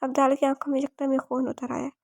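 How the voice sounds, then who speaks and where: A woman narrating a romance novel in a steady, even reading. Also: high voice, fast talker, gravelly, dry recording, clean studio sound. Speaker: audiobook narrator.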